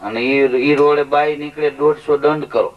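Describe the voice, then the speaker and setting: A man's voice: fairly high pitch, moderate pace. Man telling folk jokes on stage. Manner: lively joke-telling with quoted dialogue. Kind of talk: stage storytelling comedy. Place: live folk show stage. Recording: lo-fi live recording from a distance.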